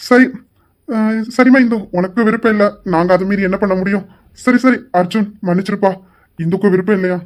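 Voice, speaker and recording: A woman's voice: medium pitch, fairly quick, a little mellow. A woman retelling a TV serial, reading every character's dialogue with emotion. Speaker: storyteller voicing serial characters.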